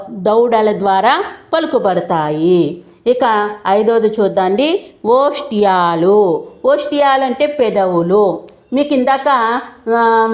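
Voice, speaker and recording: A middle-aged woman teaching in a slow, unhurried classroom manner, her voice set a little high. She repeats every point, puts questions to her listeners and then answers them herself. She stretches out each letter as she sounds it. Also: a little mellow. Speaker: Telugu teacher.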